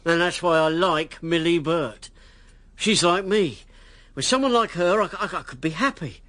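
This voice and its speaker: In a radio drama, an actor voices John Gabriel, a brash, blunt working-class politician who resents the class system. His voice is fairly high and sharp at a normal speed, sounding bitter and rankled in a dry recording.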